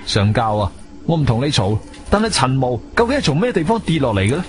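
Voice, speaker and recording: Man acting as Wisely, animated investigator with Guangzhou Cantonese accent. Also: medium pitch, fast talker, lightly acted. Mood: insistent. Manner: expressive, theatrical storytelling. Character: inquisitive, self-assured male sci-fi investigator and storyteller. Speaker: narrator and lead actor. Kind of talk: Cantonese radio drama, first-person narration and dialogue. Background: music.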